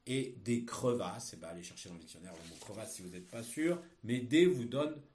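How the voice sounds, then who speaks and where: A man's voice: lowish voice, big pitch swings, a little mellow. Male teacher dictating a French grammar exercise. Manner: dictating phrases slowly and deliberately, then explaining in quicker asides; didactic, questioning the listener.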